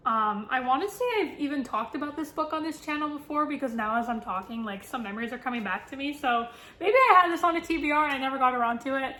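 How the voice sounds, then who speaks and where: A woman's voice: high-pitched, pushed and bright, reverberant, a little hiss or hum. A woman book vlogger chatting casually to camera about her reading list, with lots of fillers and self-deprecating asides.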